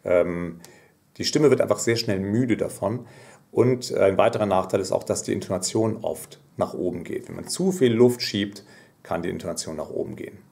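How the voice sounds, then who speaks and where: A man giving a singing lesson, explaining technique calmly and singing short demonstration phrases. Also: low-pitched, moderate pace, creaky. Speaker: singing teacher.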